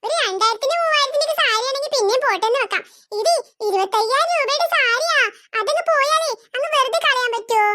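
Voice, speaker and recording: A scheming, show-off cartoon aunt, voiced by one performer. She brags and gloats in a mock-sweet tone. The voice sits very high and bright, recorded dry and close. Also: expressive, quick pace, few pauses, no room sound, exaggerated voice. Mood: bragging. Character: greedy boastful scheming aunt, adult woman. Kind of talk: Malayalam cartoon voice acting.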